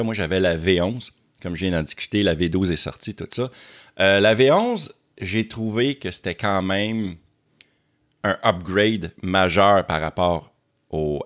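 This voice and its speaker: A man from Quebec with a Québécois accent, hosting casually and stammering as he repeats words. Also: on the low side. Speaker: YouTube host. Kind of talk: casual chat.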